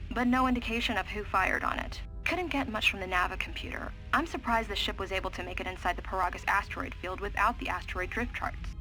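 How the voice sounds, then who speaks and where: Woman voicing a worried female station medic, brisk log entries, video game dialogue, music behind. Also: medium pitch, natural voice, poor audio. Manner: brisk, matter-of-fact log reading. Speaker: medical officer in log recordings. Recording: game audio under music.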